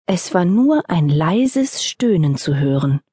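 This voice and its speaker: A woman narrating a children's audiobook in a gentle, lively storytelling voice. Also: on the low side, takes it slowly, husky, no room sound, studio quality.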